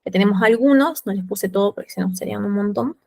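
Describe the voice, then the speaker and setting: A woman's voice: mid-range voice, vocal fry, warm tone. Woman teacher, patient French lesson. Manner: slow and patient, repeating each French word and then its Spanish meaning. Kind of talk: online class, explaining vocabulary.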